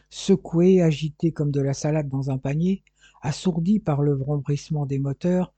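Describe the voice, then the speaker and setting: Husky, dark-toned male audiobook reader. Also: on the high side, dry recording, dull audio. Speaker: audiobook narrator. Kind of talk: audiobook reading.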